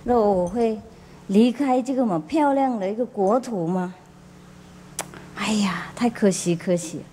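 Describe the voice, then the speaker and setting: A man's voice: sits high, moderate pace, mellow, slight background noise, lightly acted. A woman voicing an ancient male king who sighs and laments that he must one day die. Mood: lamenting. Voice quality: sighing, lamenting. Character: ancient king mourning his own death, wistful.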